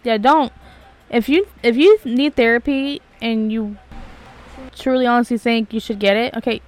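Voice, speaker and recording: A woman with a slightly higher voice co-hosts a casual podcast chat. She talks in a matter-of-fact way. She speaks her mind plainly. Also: moderate pace, darkish tone, faint music behind. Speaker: podcast co-host.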